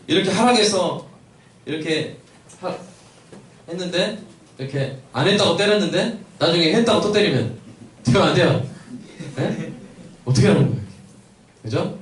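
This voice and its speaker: A male pastor gives a Sunday sermon in a fairly high voice and turns again and again to the congregation with questions. He sounds a little far from the mic, and the church around him echoes. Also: expressive, moderate pace, long pauses. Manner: asks the congregation many questions. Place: church sanctuary.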